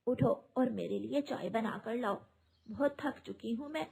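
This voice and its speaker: A bitter old mother-in-law bird from a cartoon scolds with contempt, as a woman puts her on. Her voice is sneering and bossy and goes a little husky and low. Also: moderate pace, warm tone. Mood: scornful.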